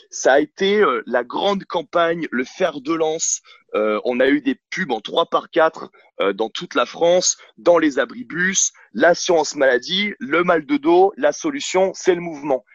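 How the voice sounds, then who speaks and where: His voice is a little high with a fairly bright tone, captured dry with the highs cut off by a camera mic as he films himself on a couch at home. He is a sports coach guesting on a podcast, speaking bluntly and outspokenly in a casual interview marked by many hesitations and restarts.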